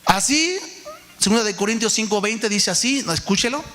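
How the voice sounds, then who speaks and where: Male pastor, forties, high and bright, animated sermon delivery with rhetorical questions. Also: normal speed. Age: 40s. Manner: animated preaching, many rhetorical questions, calls the audience "hermano".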